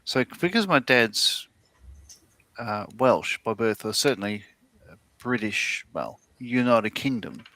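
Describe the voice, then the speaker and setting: A middle-aged man with an Australian accent, telling a rambling story in a relaxed, chatty way. His voice is gravelly and bright, recorded very dry and close. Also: mid-range voice, slow pace, no echo. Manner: rambling storyteller with many fillers and restarts. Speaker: livestream co-host. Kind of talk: casual chat.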